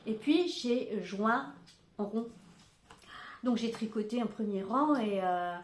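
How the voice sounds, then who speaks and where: Speaking slowly in a fairly high voice, an older woman chats casually on her craft podcast, recorded in an echoey room at home. She rambles, with lots of fillers and asides.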